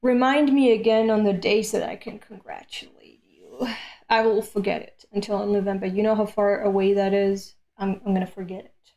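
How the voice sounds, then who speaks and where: A woman's voice: medium pitch, steady tone, normal speed, dark tone. A woman in her late twenties chatting casually on a live stream between comic readings, candid and self-deprecating, with casual swearing. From Europe. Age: late 20s.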